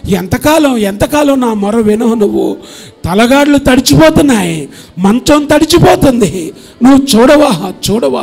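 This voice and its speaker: A pastor from India preaching and leading prayer, moving from soft, murmured urging to loud, impassioned pleading. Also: male voice, very high voice. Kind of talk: sermon with altar call and prayer. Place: church sanctuary.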